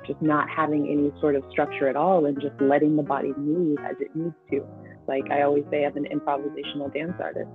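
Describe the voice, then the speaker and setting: A woman's voice: sits low, level tone, fairly quick. A woman in her thirties from the Bay Area, a dance teacher speaking reflectively in an interview. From California Bay Area. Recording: dull lo-fi sound with music underneath.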